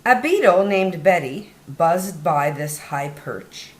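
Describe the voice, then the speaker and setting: Slowly and expressively, a woman with a somewhat low voice reads aloud to young children, landing key words with dramatic emphasis. Her pitch moves up and down a great deal, and the space she's in echoes noticeably.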